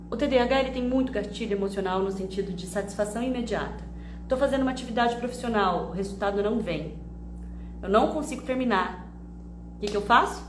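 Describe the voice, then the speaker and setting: A woman with a Brazilian accent giving an expressive, animated talk that mixes a personal story with teaching. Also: medium pitch. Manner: expressive, animated storytelling with frequent tag questions. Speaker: emotional education teacher. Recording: roomy with faint hum.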